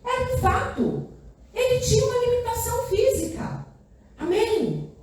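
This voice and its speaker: A high-pitched woman pastor preaches with lively repetition, checking in with her congregation again and again. Her voice rings through a very echoey church room. She sounds distant from the microphone, with faint noise underneath. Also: a little slow. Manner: animated, asks the congregation "Amém?" often; emphatic repetition of short phrases. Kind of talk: sermon. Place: church hall.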